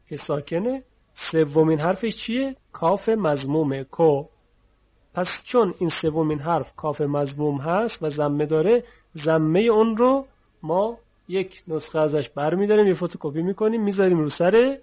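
A man teaching a lesson on reading rules, patiently repeating each example word slowly. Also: a little high, darkish tone, highs cut off.

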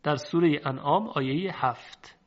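Patient male teacher, slow drawn-out examples. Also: on the high side. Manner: patient, explanatory, drawing out example words. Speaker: recitation teacher. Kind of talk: spoken lesson with slow recited examples. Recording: dull lo-fi recording.

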